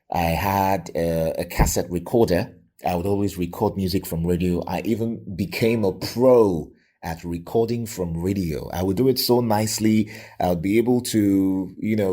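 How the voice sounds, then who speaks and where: Recounting his life reflectively in an interview, this middle-aged Lagos native has a Nigerian accent and a low, dark voice. He delivers his words deliberately and emphatically, in the manner of a radio presenter.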